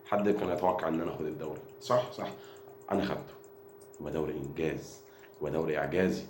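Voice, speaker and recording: A man with an Egyptian accent, ranting to camera as a football fan and mocking rival supporters. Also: rumbling low. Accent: Egyptian Arabic. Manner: taunting, mocking rival fans; rapid, repetitive, animated delivery. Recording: echoey room with background noise.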